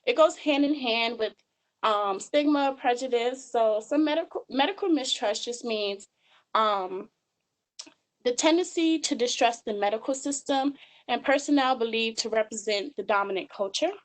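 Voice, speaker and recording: A woman's voice: a little high, moderate pace, low-quality recording. A woman in her twenties giving a webinar presentation over slides, earnest and full of filler ums. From Georgia, US. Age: 20s.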